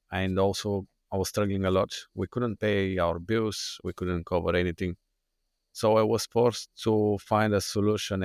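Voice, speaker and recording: A Bulgarian man telling his own story as a podcast guest, earnest and halting with many restarts. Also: low voice, no echo, studio quality. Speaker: guest, fitness coach. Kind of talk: podcast interview.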